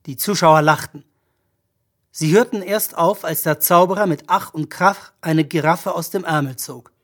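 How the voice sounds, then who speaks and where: A narrator reading a story for an audiobook in a measured, even-paced manner. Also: medium pitch.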